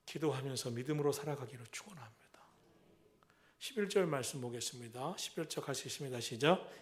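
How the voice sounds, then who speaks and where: A middle-aged man, senior pastor, preaching a sermon in a repetitive, rhythmic cadence, swinging between loud exhortation and hushed whispers. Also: mid-range voice, expressive, quick pace.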